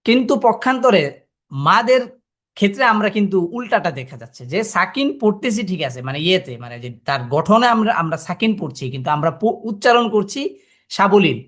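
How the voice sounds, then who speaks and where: A man with a high, slightly bright voice, lively intonation, and a somewhat fast pace teaches a Quran reading class. In this classroom lesson he explains step by step, sounds out letters to demonstrate, and asks the listeners rhetorical questions.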